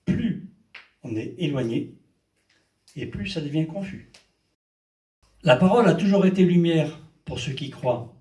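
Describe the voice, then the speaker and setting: A man's voice: on the high side, expressive, a little slow, long pauses, mellow. An older man preaching a sermon as pastor. He preaches with emphasis and often breaks in with amen and hallelujah. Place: church. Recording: echoey church hall, mic at a distance.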